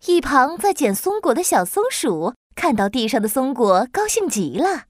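A woman narrating a children's story in an expressive, lilting way. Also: high voice, moderate pace, no echo, studio quality.

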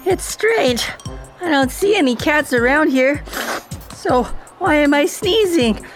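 A woman's voice: high-pitched, animated, takes it slowly, faint music behind. A woman voicing an eager male dog police officer who keeps sneezing. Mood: earnest. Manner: sneezing, earnest.

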